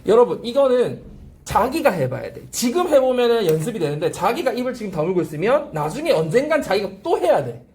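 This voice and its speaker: Lively, warm-voiced English teacher drilling a class. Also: medium pitch, fairly quick. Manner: drills pronunciation, repeating phrases and prompting the class; asks frequent rhetorical check-questions. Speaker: English teacher at a language academy. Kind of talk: classroom grammar lecture.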